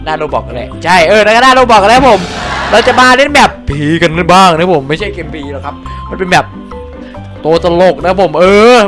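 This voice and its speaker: A man hosting a gaming channel, giving excitable, jokey let's-play commentary full of swearing and boasting. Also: high voice, fairly quick, soft background music.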